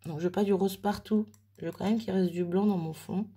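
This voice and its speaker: Her voice is medium-pitched and warm, a bit breathy, fairly even in intonation and a little fast. She's a woman demonstrating mixed-media art at home, chatting casually, teasing herself, and thinking aloud while working, with an oven going in the background of her craft room.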